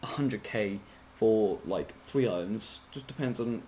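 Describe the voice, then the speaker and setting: A man's voice: fairly low pitch, measured pace, dark tone, slight background noise. A man giving a casual, rambling game tutorial, sleepy and yawning, often apologizing, correcting himself and swearing.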